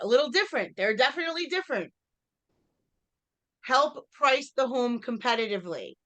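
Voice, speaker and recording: A woman leading a live real estate workshop. She talks straight to the room, quizzes her listeners and acts out short exchanges with clients. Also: a little high. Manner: energetic, talks straight to the audience, quizzes them; acts out quick dialogues with clients.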